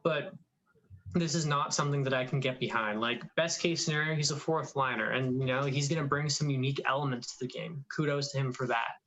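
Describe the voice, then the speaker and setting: Male co-host, mid pitch, opinionated and animated, casual live-stream delivery. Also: a little fast, rough recording. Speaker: draft analyst co-host. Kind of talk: live draft commentary chat.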